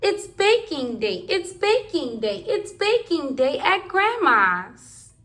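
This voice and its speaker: A woman's voice: high-pitched, sing-song, takes it slowly, a bit bright. A woman reading rhyming picture books aloud to toddlers in a sing-song, rhythmic way. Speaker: children's book reader.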